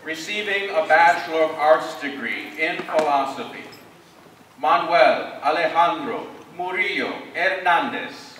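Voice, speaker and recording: A man slowly and deliberately reading out graduates' names and degrees at a formal commencement ceremony. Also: on the high side, lively intonation, a bit bright, slight background noise. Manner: slow, measured, deliberate name reading. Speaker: commencement name reader. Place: large ceremony hall. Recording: echoey hall from far off.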